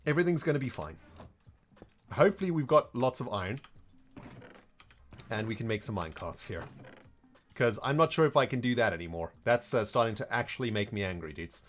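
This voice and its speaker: Guy streaming, big swooping voice, grumbling and yelling at his game, faint music behind. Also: medium pitch, a little fast, pauses often. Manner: animated, mock-exasperated, scolding in-game characters. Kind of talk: live gameplay commentary.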